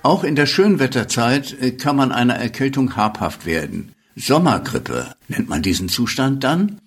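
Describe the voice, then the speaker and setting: Male radio announcer, husky voice, lively intonation. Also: medium pitch, normal speed, soft background music. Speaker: radio presenter.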